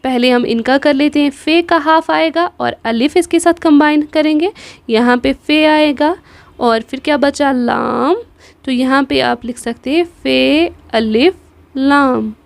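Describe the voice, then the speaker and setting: A high-pitched woman with a slightly gravelly, creaky voice and a Kashmiri accent, patiently walking beginners through joining Urdu letters. She recorded close to a dry, deadened mic, and she pauses often to check in before spelling each letter slowly. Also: no room sound. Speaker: Urdu teacher. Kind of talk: online exam-prep lesson.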